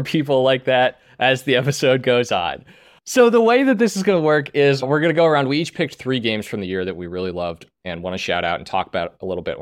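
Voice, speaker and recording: A man's voice: on the low side, a bit bright, no room sound, studio quality. A man hosting a podcast in an informal, enthusiastic, chatty way. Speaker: podcast host. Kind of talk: casual hosting chat.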